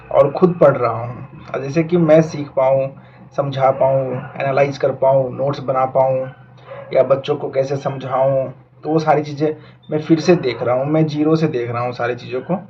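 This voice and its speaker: A man's voice: mid-range voice, fairly even intonation, normal speed, a little hiss or hum. Earnest young man, muffled lo-fi sound. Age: 20s. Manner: earnest, reflective, mixing English words. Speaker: vlogger and aspiring doctor. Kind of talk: casual talk to camera.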